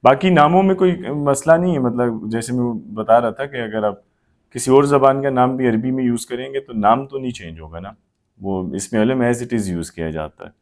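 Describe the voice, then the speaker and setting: A man's voice: mid-range voice, steady tone, a little mellow. A man teaching Arabic grammar in a live online class, patiently explaining with many examples.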